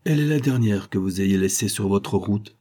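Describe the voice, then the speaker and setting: A man reading the part of a cornered, defiant gentleman in an audiobook, speaking firmly and urgently. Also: fairly low pitch, normal speed, lightly acted. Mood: probing. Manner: firm, urgent, indignant.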